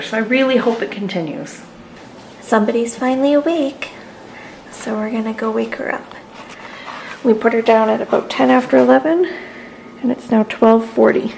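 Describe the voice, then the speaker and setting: A young woman talks through her day at home for a vlog, her voice sitting a little high. She is matter-of-fact, counting off minutes and times. Steady background noise sits under the camera-mic recording. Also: low-quality recording. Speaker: vlogger parent. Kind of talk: casual vlog narration.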